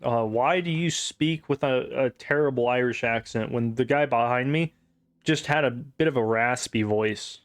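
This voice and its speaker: A man's voice: mid-range voice, moderate pace, no room sound, clean studio sound. A man giving casual, rambling gameplay commentary, sarcastic and full of swearing. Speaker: gamer.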